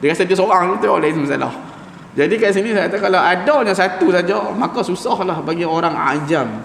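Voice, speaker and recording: A Quran teacher with a slightly high, gravelly, somewhat bright voice leads a recitation lesson in an animated, informal way, slowly drawing out Arabic sounds as he demonstrates them. The large mosque hall gives his voice a long, echoing reverb over a faint background hum.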